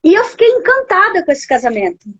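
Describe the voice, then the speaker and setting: Emotional high-voiced woman telling her story. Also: big pitch swings, fast talker. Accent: Brazilian Portuguese. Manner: emotional storytelling, voice breaking at times. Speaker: guest, pastor. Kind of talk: live interview testimony. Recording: dull lo-fi live stream audio.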